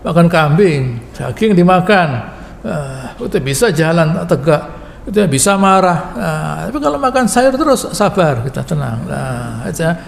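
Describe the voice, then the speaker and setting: A man's voice: a little high, very animated, moderate pace, creaky. A man preaching a folksy, joking sermon with Quran commentary in a mosque, full of asides and chuckling at his own jokes. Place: mosque hall. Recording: reverberant mosque hall with faint noise.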